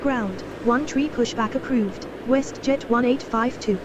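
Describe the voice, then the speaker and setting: A brisk female airline pilot , voiced by a woman, calls ground control over the game's radio. Her voice sits fairly high. It comes through dull and distant, with loud airport noise under it. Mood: routine. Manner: terse, formulaic readbacks. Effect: pilot heard over the radio, distant. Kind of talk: clipped radio calls to air traffic control.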